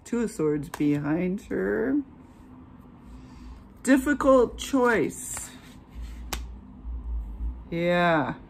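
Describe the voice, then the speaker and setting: A woman hosting her own channel, giving a casual tarot reading in an unhurried, chatty way with many filler pauses. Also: medium pitch, lively intonation, gravelly, slight background noise. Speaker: tarot reader and channel host.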